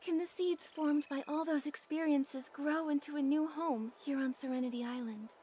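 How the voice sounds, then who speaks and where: Woman voicing a sweet, high-voiced game heroine. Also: steady tone, normal speed, warm tone, a little hiss or hum, natural voice. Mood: grateful, earnest. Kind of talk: scripted video game dialogue.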